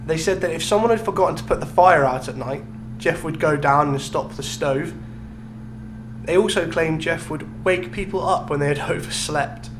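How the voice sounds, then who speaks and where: On a clearly noisy recording with hum, a man with a slightly high voice co-hosts a podcast, speaking at normal speed. He relates a story in casual conversation, amused and explaining as he goes.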